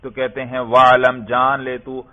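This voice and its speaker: A man teaching a classroom grammar lesson who asks questions and answers them himself, and recites text in a chanting tone. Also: on the high side. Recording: tinny phone-like lecture recording.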